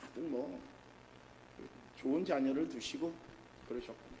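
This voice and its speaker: A man's voice: mid-range voice, normal speed, mellow, slight background noise. A middle-aged man preaching a sermon as pastor in a church, often asking the congregation questions. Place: church sanctuary. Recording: reverberant church hall, faint ambience.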